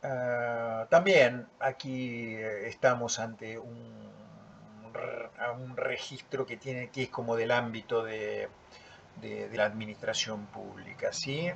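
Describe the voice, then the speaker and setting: A man, teaching a lecture in a slow, deliberate manner and often checking in with "¿sí?". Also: medium pitch, fairly even intonation, vocal fry, fairly bright tone, slight background noise. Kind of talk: lecture reviewing student work. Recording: dull lo-fi recording.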